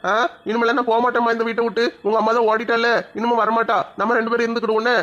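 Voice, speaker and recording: A man's voice: extremely high pitch, completely flat delivery, very fast, fairly bright tone. A man playing a blustering drunk father with a twang. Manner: blustering, mock-pleading, slurred drunk swagger. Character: drunken loafer father, middle-aged, bullying and shameless. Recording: dull lo-fi sound.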